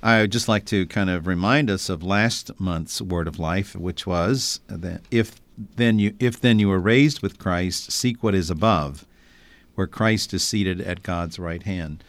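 Deep-voiced older man, closely recorded. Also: measured pace, no echo. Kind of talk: Gospel reading and reflective talk.

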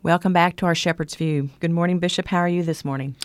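A woman's voice: lowish voice, fairly even intonation, fast talker, smooth, dry recording. A woman hosting a religious talk program in a conversational way. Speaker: program host.

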